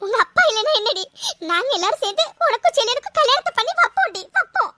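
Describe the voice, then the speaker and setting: A woman's voice: very high-pitched, big pitch swings, fast, background noise. A woman voicing a caring mother in a cartoon, who both scolds her husband and comforts her daughter. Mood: comforting. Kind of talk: cartoon voice acting.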